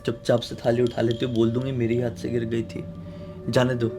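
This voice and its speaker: Tired patient mom muttering low and quiet, as a guy telling a story puts her on. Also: completely flat delivery, a little fast, music in the background, close to an everyday voice. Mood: resigned. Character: tired middle-aged mother, weary and patient.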